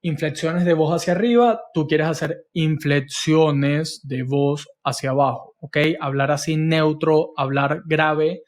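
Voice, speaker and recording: A man teaching insurance sales, explaining step by step and often checking in with "¿ok?". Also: on the high side. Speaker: sales trainer. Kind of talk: instructional talk with acted call examples.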